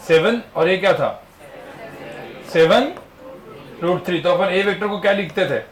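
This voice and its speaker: A man's voice: high voice, moderate pace, some chatter behind. A male physics teacher giving a classroom lecture, firing constant questions at his students. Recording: echoey classroom with faint ambience.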